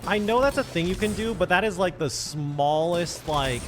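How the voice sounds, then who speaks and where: A man giving casual commentary on a game stream, thinking aloud and muttering asides as he plays. His voice sits a little high and swings up and down a lot. Faint game music plays behind him. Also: lively intonation, normal speed.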